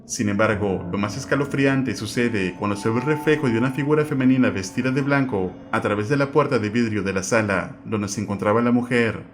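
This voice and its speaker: Man narrating a scripted voice-over. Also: on the low side. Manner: even, measured delivery that asks viewers to comment. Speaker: narrator of the video. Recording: voice-over with background music.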